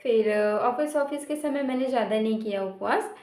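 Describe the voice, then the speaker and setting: Woman, vlogger, chatty storytelling, slightly high voice, echoey room. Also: moderate pace, a little mellow. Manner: chatty, sprinkles short filler words. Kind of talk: casual storytelling to viewers. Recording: roomy echo.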